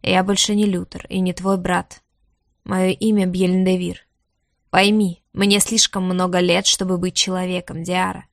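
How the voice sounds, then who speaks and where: A woman's voice: little pitch movement, creaky, no room sound, clean studio sound. A woman voicing an ancient, grim dragon. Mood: weary. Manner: slow, heavy, rumbling. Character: ancient weary male dragon, cold and grim.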